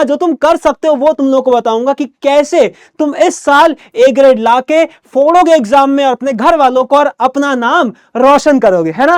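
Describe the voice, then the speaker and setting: Young man, English tutor, high pitch, dry close sound, energetic, friendly big-brother manner. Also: no room sound. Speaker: English teacher. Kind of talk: energetic motivational online class.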